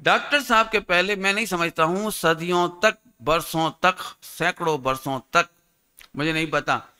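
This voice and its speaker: A man's voice: fairly high pitch, normal speed, pushed and bright, smooth. A man preaching a sermon as a pandit, teacherly and quizzing his listeners.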